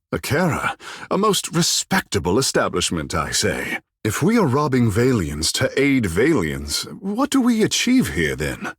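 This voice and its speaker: Tekēhu, a vain, wildly expressive sea-godling. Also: male voice, lowish voice, husky, no echo, studio quality, heavily acted. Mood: playful, flirtatious, then indignant. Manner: theatrical, haughty, florid formal phrasing with tag phrases. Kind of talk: video game character dialogue.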